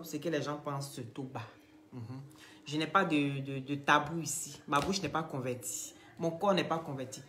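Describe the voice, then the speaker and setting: A woman runs a live gossip stream, her low voice swinging into sharp, high outbursts as she keeps calling out viewers. She repeats her phrases over and over. The room gives her voice a clear echo. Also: slight background noise. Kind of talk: Facebook live gossip commentary.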